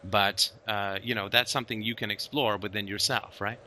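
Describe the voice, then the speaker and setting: Bright-voiced man talking emphatically. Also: fairly low pitch, steady tone, moderate pace, slight background noise. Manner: emphatic, keeps checking in with "right?". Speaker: host. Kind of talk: casual philosophical conversation.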